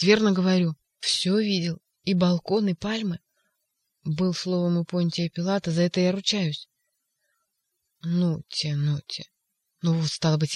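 A reader voicing an agitated young male poet in an audiobook, shouting insistent outbursts. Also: medium pitch, dry recording, clean studio sound, natural voice. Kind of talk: audiobook character voice.

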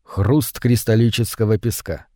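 Hushed brooding male story narrator. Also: lowish voice, steady tone, no room sound, studio quality. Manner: slow, hushed and brooding, with louder acted quotes. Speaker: audiobook narrator. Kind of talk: scripted narration of a short story.

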